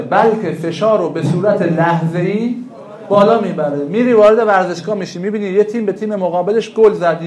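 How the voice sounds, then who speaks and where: Animated high-voiced man lecturing in echoey room. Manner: animated, asks the class questions and answers them. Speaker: traditional medicine teacher. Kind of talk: classroom lecture.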